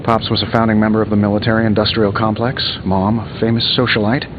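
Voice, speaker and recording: An American man playing a cocky, sarcastic superhero inventor with glib, quick-witted banter in a video game. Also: lowish voice, little pitch movement, background noise, natural voice. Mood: glib, self-mocking. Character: cocky, wisecracking male superhero inventor in armour. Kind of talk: video game dialogue acting. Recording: dull game audio with music behind.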